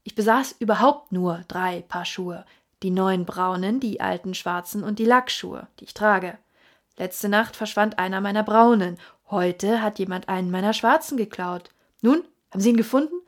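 A woman reading an audiobook, voicing a hot-tempered American baronet who is loud and furious, with a husky American-accented voice. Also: mid-range voice, fairly even intonation, normal speed, lightly acted.

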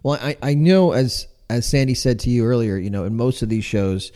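Mellow-voiced American podcast host. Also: male voice, mid-range voice, a little fast. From United States. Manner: long rambling questions with restarts. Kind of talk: interview hosting.

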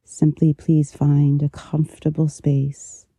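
A meditation teacher guiding relaxation gently, with a soft, intimate delivery right in the listener's ear. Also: mid-range voice, monotone, slightly rough, no echo. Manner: slow, unhurried, gentle pauses. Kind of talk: guided meditation, soothing instruction.

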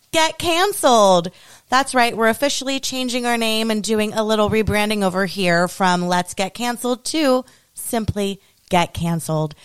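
A woman's voice: on the high side, smooth. A woman hosting a solo podcast, ranting with sarcasm and heavy swearing. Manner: sarcastic, swears freely, swings between mock praise and outrage. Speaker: podcast host. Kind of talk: solo opinion podcast rant.

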